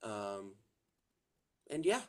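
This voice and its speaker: Very slow and sing-song, a congested co-host with a fairly low, darkish voice chats casually about college football on a podcast. He rambles, relying heavily on fillers and restarts.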